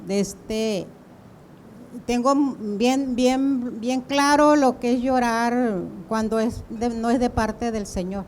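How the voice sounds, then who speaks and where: A woman in a church Bible class speaks up to share her own experience, in a slow and halting way. Her voice sits fairly high, with faint noise in the background. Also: darkish tone. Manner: hesitant, halting. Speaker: class member. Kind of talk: sharing personal testimony.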